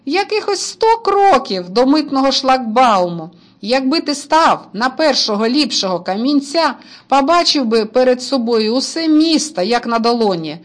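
A cheerful, teasing big brother with a hunting rifle, bright and upbeat in a high, lively storybook voice, as a woman puts him on. He jokes easily and sounds untroubled. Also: moderate pace, few pauses. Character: cheerful boy's older brother, a hunter. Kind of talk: storybook reading.

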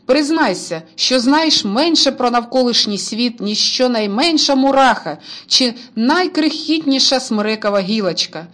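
A woman's voice: fairly high pitch, expressive, unhurried, few pauses, a bit bright. A vast, stubborn talking forest that scolds and mocks, in a storybook voice that rises and falls a lot, as a woman puts it on. It presses and demands without giving way. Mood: scolding. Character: huge stern forest, mocking and demanding. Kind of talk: storybook reading.

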